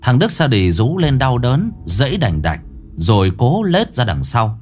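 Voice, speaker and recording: A man's voice: mid-range voice, wildly swooping pitch, unhurried, darkish tone, faint music behind. A man narrating a scripted horror story in a dramatic, vivid way.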